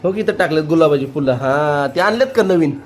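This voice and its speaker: A woman with a rural western Maharashtra Marathi accent, filming at home on a phone and gently coaxing a toddler with one question after another in a casual vlog. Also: low-pitched, animated, brisk. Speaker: family vlogger questioning a toddler.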